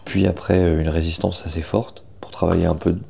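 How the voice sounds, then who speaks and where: Young dude, deep croaky vocal fry, chatty morning vlog, bit of background hiss. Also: male voice, level tone, fairly quick. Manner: informal, slangy, self-deprecating. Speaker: vlogger. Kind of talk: casual morning vlog chat.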